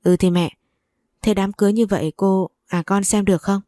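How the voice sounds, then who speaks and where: A woman's voice: mid-range voice, steady tone, moderate pace, mellow, no echo, lightly acted. A woman voicing a caring but bossy older woman who scolds and fusses over a young woman in an audio story. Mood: warm. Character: brisk caring older woman, future mother-in-law.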